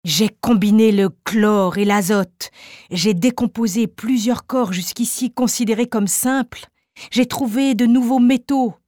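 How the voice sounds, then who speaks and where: A woman's voice: fairly high pitch, unhurried, darkish tone, no echo, studio quality, close to an everyday voice. A woman voicing a feverish, obsessed male chemist who declaims with rising fervor in an audiobook reading. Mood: exalted.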